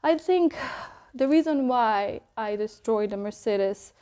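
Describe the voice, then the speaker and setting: A young woman answers interview questions about her art in a reflective way. Her voice sits fairly high, and she often stops to think with an um before going on. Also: lively intonation, mellow. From Bosnia. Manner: thoughtful, pausing often with ums.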